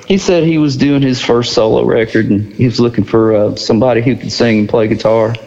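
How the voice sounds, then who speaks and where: A middle-aged man, a guest musician, telling stories in a relaxed way and laughing often. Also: mid-range voice, brisk, gravelly, big-room sound, dull audio. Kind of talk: casual storytelling interview.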